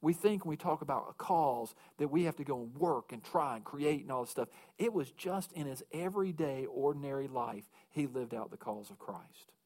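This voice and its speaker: A man's voice: mid-range voice, normal speed, few pauses, a little mellow. A male pastor preaching a sermon, moving from earnest storytelling to fervent exhortation.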